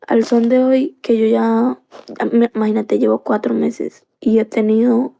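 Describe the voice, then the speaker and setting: A woman's voice: a little high, little pitch movement, unhurried, creaky, warm tone. A woman from Colombia, earnestly telling a personal story on a live stream into a phone, circling back with many fillers.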